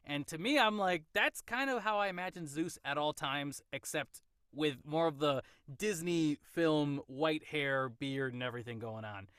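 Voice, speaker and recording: Male podcast host; bright, forceful tone, lively casual review banter. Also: on the high side, moderate pace, clear, resonant tone, no echo, studio quality. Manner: animated, theorizing, laughs often. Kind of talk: casual movie review chat.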